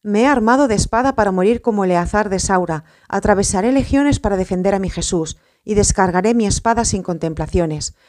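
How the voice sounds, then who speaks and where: Woman voicing a blustering, hot-headed apostle man, mellow tone, storybook reading. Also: mid-range voice, fairly quick, few pauses, close to an everyday voice. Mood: defiant. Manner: blustering, emphatic. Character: impulsive, fiery male apostle, adult man.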